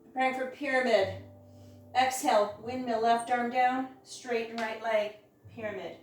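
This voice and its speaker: Careful, unhurried woman yoga instructor, very echoey. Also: fairly high pitch, fairly even intonation, a little hiss or hum. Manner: careful, unhurried, step-by-step guiding. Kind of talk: guided hatha yoga class instruction. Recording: very echoey room, distant mic, music.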